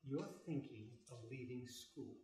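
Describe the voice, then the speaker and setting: A man's voice: medium pitch, unhurried, mellow, distant mic, close to an everyday voice. A man playing a middle-aged, bookish father in an audio drama, wry and loving but volatile, with articulate speech. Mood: measured, probing. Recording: echoey room, off mic.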